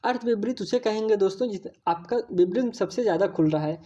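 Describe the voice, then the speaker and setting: A woman's voice: medium pitch, a little fast, warm tone. Woman, teacher, exam-prep lesson, patient and repetitive explanations, dull lo-fi recording. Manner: explains patiently, repeats key points, addresses viewers as friends.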